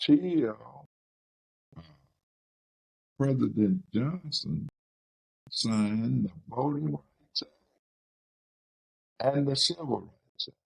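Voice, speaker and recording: An older man recalling the past slowly and haltingly for his daughter, heard through low-quality streamed audio. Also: animated, creaky, husky, no echo. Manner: slow, halting recollection. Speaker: father being interviewed. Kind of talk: casual family interview. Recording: dull lo-fi low-bitrate audio.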